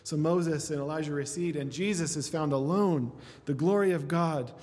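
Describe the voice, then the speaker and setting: A man's voice: on the high side, normal speed, a little mellow, big-room sound. A male pastor preaching a sermon, building through lists with rising emphasis. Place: church.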